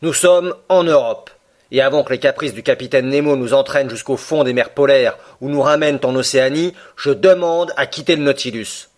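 A man voicing a blunt, impatient Canadian harpooner in an audiobook reading, pressing his point forcefully. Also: medium pitch, fairly quick, close to an everyday voice. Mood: insistent.

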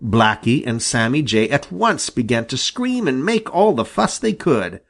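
Guy reading a kids animal story, voice bouncing up and down a lot, very expressive. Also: medium pitch, unhurried, vocal fry. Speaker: audiobook reader. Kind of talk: storybook narration.

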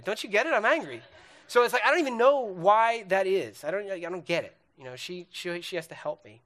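A man's voice: a little high, fairly bright tone. Earnest man giving a relationship talk. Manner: earnest, talks straight to listeners, often asks "right?"; lists questions and feelings one by one. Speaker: speaker on relationships. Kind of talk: conversational sermon.

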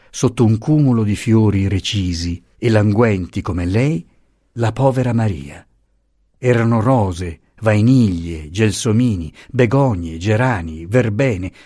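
A man narrating a literary novel in a slow, measured, expressive reading, recorded close. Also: medium pitch, no echo. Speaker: audiobook narrator.

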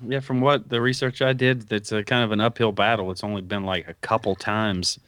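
A man's voice: on the low side, steady tone, brisk, a bit bright, smooth, no echo. A man chatting casually as a co-host, relaying news in a wry, offhand way. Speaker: co-host reporting news stories. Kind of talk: casual chat.

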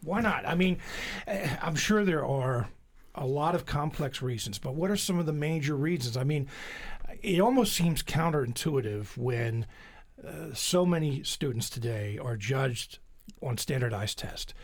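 A man hosting a radio talk show, his voice a little husky and pitched somewhat high. He asks his guests questions in a loose, conversational way and drops in folksy asides. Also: expressive, a little slow. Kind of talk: public radio interview.

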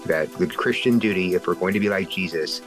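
A man who is a podcast co-host and pastor, sick, talking through theology in an explanatory, halting, conversational way. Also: deep voice, music in the background.

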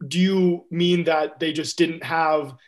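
A man's voice: a little high, steady tone, slow pace. A man hosting a podcast, asking questions in an upbeat, casual way. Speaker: podcast host.

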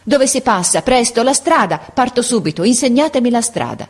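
A woman's voice: mid-range voice, lively intonation, moderate pace, a little mellow, husky, pitched above the performer's own voice. A woman voicing a ragged, worn-out boy who pleads urgently for the way to his mother. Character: exhausted, desperate young boy searching for his mother.

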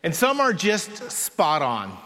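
A man preaching a sermon in a church in an unhurried, conversational way with dry touches of humor. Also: on the high side, wildly swooping pitch, pushed and bright. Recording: long reverb of a large hall.

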